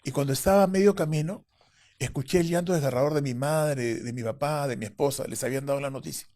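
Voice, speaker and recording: A man's voice: medium pitch, quick pace, dark tone. A man as an interview guest, telling a personal story vividly and acting out the voices of others.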